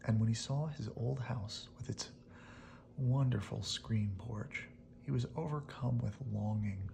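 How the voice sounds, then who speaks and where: In a hushed bedtime style, a storyteller reads a picture book aloud, often sinking to a whisper. The mid-range voice carries vocal fry and keeps a measured pace, with background noise audible.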